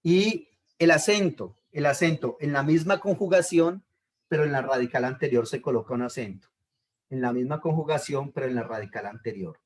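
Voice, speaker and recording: A male teacher walks his class through a lesson step by step. He speaks at an ordinary middle pitch, repeats each point patiently and pauses to check that everyone is following.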